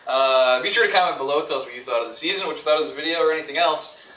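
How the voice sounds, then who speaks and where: A young man hosting a casual chat about a TV show, laughing and relaxed as he wraps up the episode. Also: fairly high pitch, racing, slight background noise. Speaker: podcast host. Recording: echoey room, from far off.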